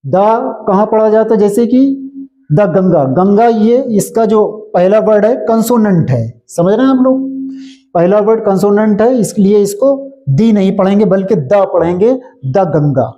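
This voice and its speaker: A man teaching English grammar in Hindi, explaining slowly and checking often that his students follow. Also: high voice, warm tone, lo-fi sound. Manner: repetitive, checks understanding often. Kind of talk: slow classroom explanation in Hindi.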